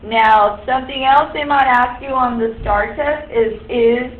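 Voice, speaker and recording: A high school algebra teacher, a woman with a high-pitched voice, teaches a class at a measured pace, explaining step by step and quizzing her students. The room echoes, and the sound is tinny, like a phone.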